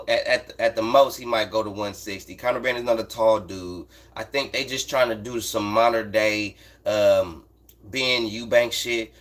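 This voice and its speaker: Medium-pitched and fairly bright, the voice belongs to an American man running a casual boxing talk stream. He riffs unscripted and answers chat in blunt, cussing slang, repeating lines to stress his points.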